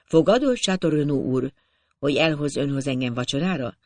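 A man's voice: a little high, a little mellow, no room sound, lightly acted. A man reading a proud young woman who speaks with defiant dignity in an audiobook. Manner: dignified, pleading.

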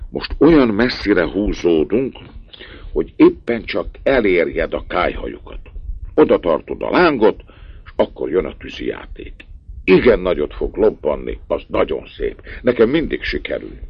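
A man's voice: low-pitched, big pitch swings, gravelly, slightly rough, dry recording, voice pushed up, heavily acted. A man voicing an eager, boastful young village boy. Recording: dull dry lo-fi recording.

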